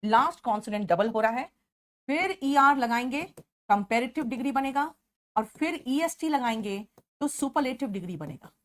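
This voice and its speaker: A woman's voice: sits high, lively intonation, moderate pace. A woman teacher with a Hindi accent gives an online English lesson, explaining each rule step by step and calling on students by name.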